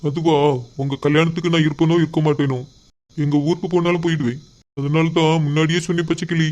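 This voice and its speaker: A man plays a lovesick young cartoon man who has given up hope. He speaks quickly in a flat, even voice. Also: on the high side, lightly acted. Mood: sad. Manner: subdued, resigned. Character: heartbroken young man in love.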